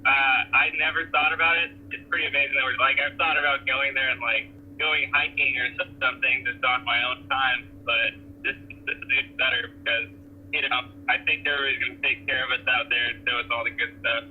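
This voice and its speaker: A man's voice: mid-range voice, little pitch movement, fairly quick, slight background noise. Man on a tinny Bluetooth car phone line. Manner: laid-back, many fillers and restarts. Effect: Bluetooth phone call from a car. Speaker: touring band member being interviewed. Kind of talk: casual phone interview. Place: in a car while driving. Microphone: car Bluetooth hands-free.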